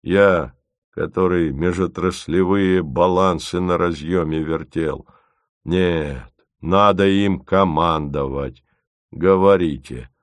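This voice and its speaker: Reader doing a worn-out clever computer in an audiobook, deep, slow and precise, sardonic. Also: male voice, no echo. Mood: weary. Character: weary sardonic male computer, clever and tired.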